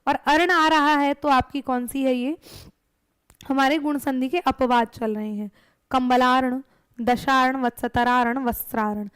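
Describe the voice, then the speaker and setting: A woman's voice: high voice, a little slow, dry recording. A woman teaching a grammar lesson for exam preparation, explaining step by step and answering her own questions.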